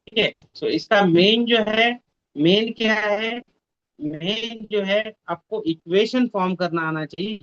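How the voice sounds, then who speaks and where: On an online class call, a man with a high-pitched, slightly bright voice teaches math, switching between Hindi and English. He repeats his instructions and scolds students to mute their mics. The lo-fi video-call audio has no echo.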